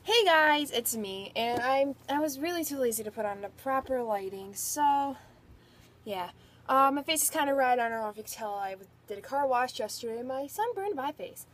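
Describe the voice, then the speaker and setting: A woman's voice: sits high, lively intonation, normal speed. A young woman casually reviewing a book on camera, rambling and chatty, a little out of breath. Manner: rambling, chatty, filler-heavy. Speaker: book vlogger. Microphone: phone or webcam.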